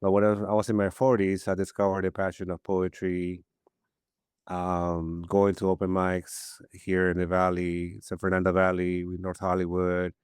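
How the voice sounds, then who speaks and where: Deep and smooth, this man's voice moves at a moderate pace as he tells stories on a podcast, rambling animatedly and often starting over. He's a poet in his 50s from Peru, a native Spanish speaker, and the recording is dry and studio quality.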